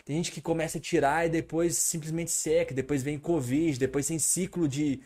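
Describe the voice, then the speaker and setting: A man co-hosting a casual podcast, getting animated and louder when worked up. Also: fairly high pitch, moderate pace. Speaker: podcast co-host.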